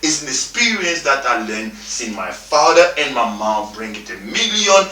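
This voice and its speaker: A man in his thirties from the Democratic Republic of the Congo works as a motivational speaker, here giving an emphatic talk in repetitive, informal non-native English. His medium-pitched voice is bright, forceful, and very animated, rising and falling widely at normal speed. The room echoes, placing him a little distant, with faint music underneath.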